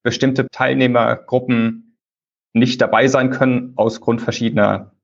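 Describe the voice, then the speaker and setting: A man being interviewed over a low-quality phone call, explaining things at length in a loose, conversational way. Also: level tone, a little slow, creaky. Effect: low-quality phone call recording. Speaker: conference lead organizer, interview guest. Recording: dull lo-fi phone call audio.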